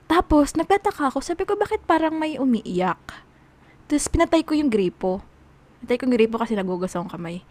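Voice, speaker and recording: A woman's voice: fairly high pitch, fast talker, a little mellow. A young woman casually telling a story to friends, rambling with lots of fillers and swearing. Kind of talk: casual chat.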